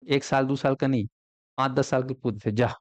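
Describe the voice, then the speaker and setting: A man's voice: mid-range voice, fairly even intonation, normal speed, dry recording. A man teaching an exam coaching class, constantly asking his students questions and answering them himself. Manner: quizzes students with frequent call-and-response questions. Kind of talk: classroom lecture.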